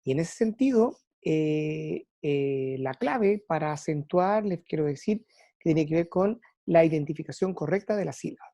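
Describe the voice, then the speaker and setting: A woman teacher lectures to her students, pausing often on fillers as she gathers her thoughts. Her voice sits a little low and sounds mellow. The recording is close and dry. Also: no room sound. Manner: thinking aloud with frequent "eh" fillers and restarts. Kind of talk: online class lecture.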